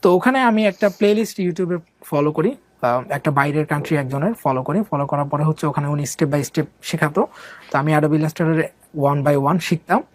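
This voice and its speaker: At a normal speed and with a voice on the high side, a young Bangladeshi man recounts his life story casually and rambles, using many fillers and dropping in English words. Slight background noise can be heard.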